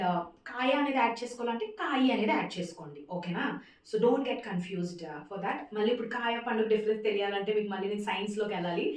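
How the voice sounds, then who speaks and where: Echoey woman teaching a language lesson. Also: on the high side. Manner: repeats words slowly for pronunciation, mixes in English. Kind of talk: casual spoken lesson. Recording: echoey room, distant mic.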